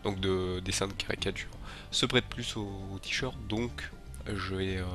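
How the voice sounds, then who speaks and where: A channel host with a head cold makes a casual video announcement to his viewers, rambling and hesitant with frequent filler sounds and restarts. His voice sits low with a steady, unhurried delivery, and music plays in the background.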